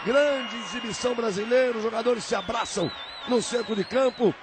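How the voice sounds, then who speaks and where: A man with a Brazilian accent giving fast, dramatic football commentary with shouted, drawn-out goal calls. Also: extremely high pitch. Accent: Brazilian Portuguese. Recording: loud crowd roar, noisy old broadcast. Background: roaring stadium crowd.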